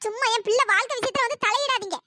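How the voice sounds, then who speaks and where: A performer voicing a sharp-tongued, furious middle-aged mother in a cartoon, scolding and shouting. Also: very high voice, rapid-fire, slight background noise. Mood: angry scolding. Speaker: angry aunt. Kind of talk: pitched-up cartoon voice acting.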